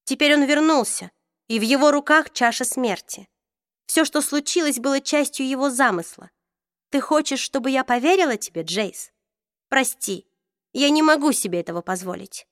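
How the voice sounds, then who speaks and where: In clean studio audio with no echo, a woman reads an audiobook, pitching her voice above her natural register with a fairly bright tone at a moderate pace. She plays a proud, bitter middle-aged woman who argues and accuses with intensity, and the mood is weary and bitter.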